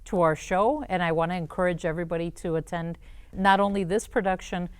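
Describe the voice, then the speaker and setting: A woman hosting a talk show, interviewing in a conversational way with hesitant, halting phrasing. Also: fairly low pitch, fairly even intonation, clear, resonant tone, no room sound.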